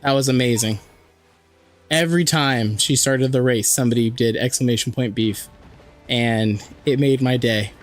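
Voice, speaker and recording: A man streaming a video game with a hoarse, sore throat, chatting and joking with his viewers over faint music. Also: mid-range voice, moderate pace. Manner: chatty, joking, reads and answers chat. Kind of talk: casual live-stream chat while playing.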